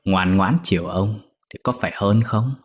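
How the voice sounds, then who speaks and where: A man's voice: deep voice, normal speed, a little hiss or hum, lightly acted. A man voicing an older lecherous master who talks in a sly, gloating, threatening way.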